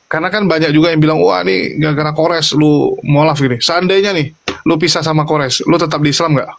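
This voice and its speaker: A man's voice: on the high side, fairly even intonation, brisk, vocal fry, a bit bright. A man hosting a casual interview, teasing his guest and talking to viewers. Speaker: host.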